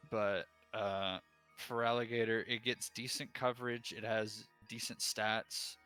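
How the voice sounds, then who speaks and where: Young dude explaining his pick, bright voice, keeps restarting, quiet music playing. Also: lowish voice, little pitch movement, a little slow, clear, resonant tone. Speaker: league coach. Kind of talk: casual stream chat.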